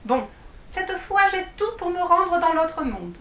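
Une femme qui joue une fillette de six ans, têtue et rêveuse, aux exclamations vives, dans un conte lu à voix haute. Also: female voice, big pitch swings, a bit bright, full character voice. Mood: determined. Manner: high and sulky, quick to exclaim. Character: girl of six, stubborn and dreamy. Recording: echoey room.

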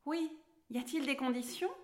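A woman's voice: high voice, moderate pace, voice pushed up, natural voice. A woman voicing a curious, eager little girl heroine in a storybook reading.

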